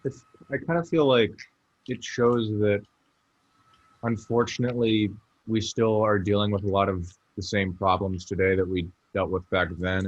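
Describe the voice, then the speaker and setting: A man speaking as a student in a class discussion over a group video call, earnest and halting, repeating his phrasing. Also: deep voice, no echo. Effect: heard over a group video call. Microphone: computer or headset mic on a video call. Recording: dull, dry video-call audio.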